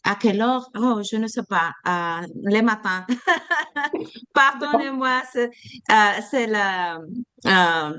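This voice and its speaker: A woman with a foreign accent in French, a native Spanish speaker, speaking haltingly and searching for words in an informal announcement. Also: fairly high pitch, expressive, sharp tone, clear, resonant tone. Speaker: meeting participant. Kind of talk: casual video-call announcement.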